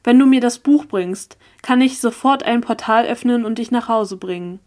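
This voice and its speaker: A woman's voice: fairly high pitch, moderate pace, a little mellow, lightly acted. A woman reading aloud, voicing a scheming, persuasive young male sorcerer who talks down insistently. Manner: condescending, insistent, impatient.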